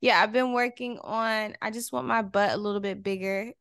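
A woman hosting a podcast, asking questions in a halting casual way with many fillers. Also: mid-range voice, steady tone, vocal fry, a bit bright, clear, resonant tone, dry recording, clean studio sound. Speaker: podcast host. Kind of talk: casual interview chat.

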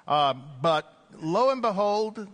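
A man preaching a sermon as an Anglican priest at a pulpit microphone in church, in a conversational way with gentle jokes and "uh" fillers. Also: high voice, expressive, slow.

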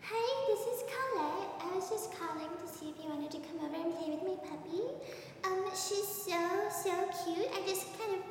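A woman's voice: very high-pitched, soft background music, pitched above the performer's own voice. A woman voicing a childlike young woman who sweetly invites someone over to play with her puppy. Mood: creepy-sweet. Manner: slow, sing-song, oddly sweet. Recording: very echoey room with long reverb.

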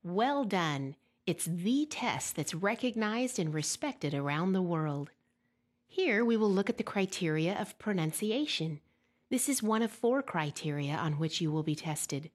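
A woman giving scripted instructional narration for exam preparation in a measured way, slowing down to model example words. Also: on the low side, animated.

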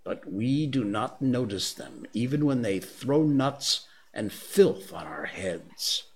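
A man's voice: mid-range voice, expressive, slow pace, gravelly, slight background noise. A man voicing a stern old bear who lectures a boy solemnly, in a storybook reading. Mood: lecturing.

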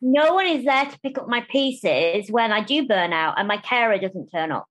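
A woman speaking candidly as a podcast interview guest, animated and quick to restart phrases and act out what others say. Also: fairly high pitch, a little hiss or hum, low-quality recording. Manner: animated, restarts phrases, acts out quoted voices.

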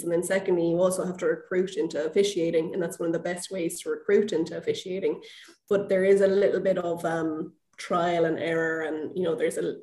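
A woman's voice: on the low side, dark tone. Woman, former ref, chatty storyteller, lots of "you know", roomy echo. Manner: chatty storyteller, many fillers, acts out dialogue. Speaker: guest, former American football referee. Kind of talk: casual anecdotal interview.

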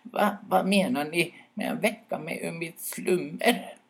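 A drowsy, good-natured owl, pitched up high and a little gravelly, as a man puts him on for a storybook. He stammers and fusses when woken, then settles into gentle advice. The voice is lively and swoops up and down. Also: heavily acted. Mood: startled, irritated. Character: sleepy, wise and kind male owl.

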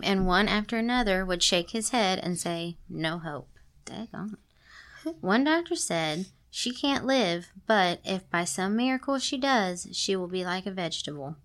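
A woman's voice: lowish voice, a bit bright. Woman reading a story with joking asides. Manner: playful, adds sarcastic comments to the text. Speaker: podcast host reading stories aloud.

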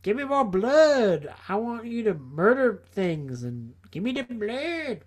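A man doing a war god, bloodthirsty, demanding, raised and slow. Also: sits high, very animated, voice pushed up, heavily acted.

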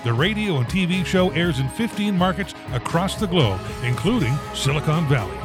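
A man reads a scripted show introduction in a lively announcer's way, his pitch moving a lot. His voice sits somewhat high, and music plays clearly behind him. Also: normal speed.

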